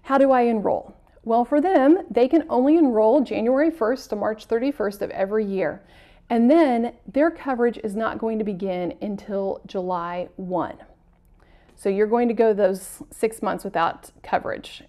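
With a warm, fairly high voice at a moderate pace, this extension agent in her thirties presents an educational talk straight to camera against a plain studio backdrop. She is earnest, draws on examples from her own life, and makes some self-corrections.

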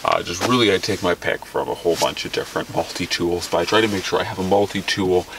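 A man's voice: deep voice, fast. A young man casually walking through his outdoor gear from the back of a vehicle, rambling and correcting himself as he goes. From Alaska. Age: young adult. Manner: rambling, self-correcting, enthusiastic about gear. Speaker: outdoors vlogger. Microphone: camera a few feet away. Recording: distant mic with clear background noise.

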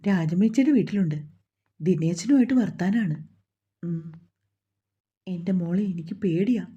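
A woman's voice: fairly low pitch, normal speed, mellow, slightly rough, dull audio. A woman voicing an anxious, loving middle-aged mother who soothes her daughter and prays in a pleading way. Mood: soothing, worried.

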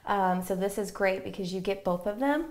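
A woman's voice: medium pitch, moderate pace. A woman in her forties, a plumbing supply rep, explaining products confidently in a TV interview with many ums and uhs, recorded on a lapel mic in a bathroom. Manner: confident, explanatory, with frequent fillers. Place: inside a home bathroom.

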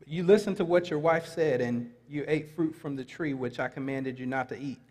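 A man's voice: a little high, moderate pace, a little mellow. A middle-aged man preaching a sermon in a large church sanctuary, reading scripture aloud and adding light asides to the congregation. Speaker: pastor. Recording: long reverb of a large hall.

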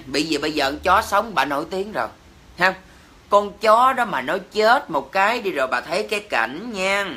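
Here his voice is a little high, bright and forceful as the man with the Southern Vietnamese accent fumes on his livestream. He curses and cries out indignantly to viewers in a heated rant.

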